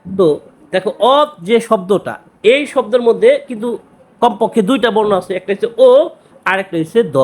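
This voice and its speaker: A man with a high-sitting voice teaches a grammar lesson for exam prep, repeating key words and frequently asking quick questions to check understanding.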